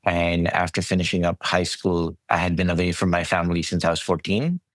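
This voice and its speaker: A middle-aged man from Saudi Arabia, a podcast guest telling his story in a relaxed, conversational way with frequent restarts. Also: low-pitched, fairly quick, no room sound. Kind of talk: conversational interview.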